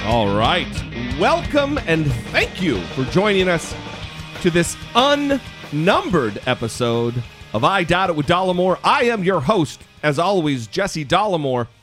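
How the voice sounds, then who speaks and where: A man's voice: fairly high pitch, sing-song, unhurried, music in the background. A man hosting a podcast with casual comedic talk and brash, teasing delivery. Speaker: podcast host.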